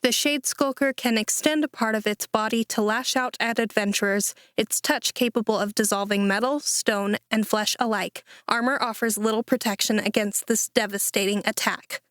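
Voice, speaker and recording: A woman voicing a dungeon's impersonal system voice, reciting slowly and evenly. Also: on the high side, no room sound, studio quality, close to an everyday voice. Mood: ominous. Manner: slow, even, mechanical recitation. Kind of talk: audiobook character voice.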